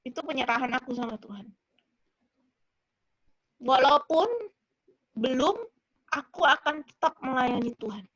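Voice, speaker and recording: A woman casually sharing her faith story, acting out prayers in a hushed voice and laughing often. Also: high-pitched, unhurried, long pauses, no room sound, dull audio. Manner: laughs often, mixes slang. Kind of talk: casual discussion.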